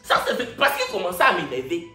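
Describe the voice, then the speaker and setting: A young Ivorian man tells his story with theatrical energy and talks straight to his viewers. His voice sits high, and his Ivorian accent is strong. The room echoes, and faint music plays behind him. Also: a little fast. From Ivory Coast. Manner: lively, theatrical, addresses viewers directly. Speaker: YouTuber. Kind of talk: animated storytelling vlog.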